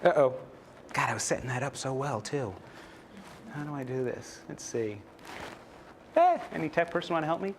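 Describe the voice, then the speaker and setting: A man's voice: mid-range voice, big pitch swings, moderate pace, pauses often, a little hiss or hum. Chatty man giving a conference talk. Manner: chatty, self-deprecating, many fillers and restarts. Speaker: conference speaker, journalist and author. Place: conference stage before an audience.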